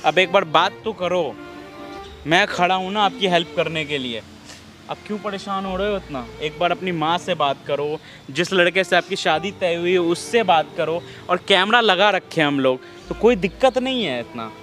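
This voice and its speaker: Bright high-voiced male host. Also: moderate pace, faint music behind. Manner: reassuring, urging. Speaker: host of a staged help video. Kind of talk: on-camera street interview.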